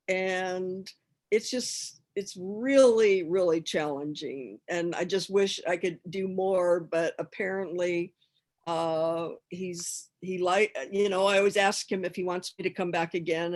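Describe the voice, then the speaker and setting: A woman volunteer giving a casual personal account, halting and repeating herself as she searches for words. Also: fairly low pitch, darkish tone. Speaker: hospice volunteer seeking advice.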